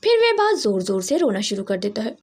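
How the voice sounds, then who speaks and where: A woman narrating a children's cartoon moral story in an expressive, sing-song manner. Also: medium pitch, brisk.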